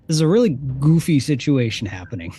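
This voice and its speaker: Animated man as tabletop game master. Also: fairly high pitch, fast, a little hiss or hum. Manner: casual, informal. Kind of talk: running a tabletop role-playing game.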